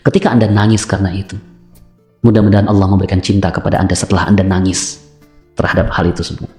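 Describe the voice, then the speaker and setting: A man's voice: low voice, little pitch movement, quick pace, mellow, roomy sound, soft background music. A man hosting a religious self-help talk, answering viewer questions with a repetitive preaching cadence and rhetorical questions.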